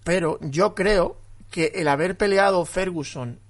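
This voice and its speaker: A man's voice: high-pitched, a little slow. A man co-hosting a podcast, giving casual MMA analysis and repeating his points emphatically. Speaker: podcast co-host.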